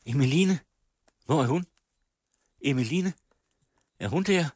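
A man's voice: medium pitch, lively intonation, gravelly, a little mellow, husky, no room sound, pitched above the performer's own voice. A man voicing a thoughtful young daughter in a radio reading of a novel. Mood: calling.

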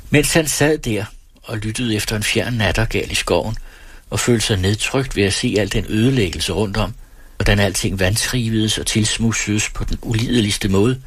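A man narrating an audiobook in a steady, even storytelling manner, close to the mic. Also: lowish voice, slightly rough.

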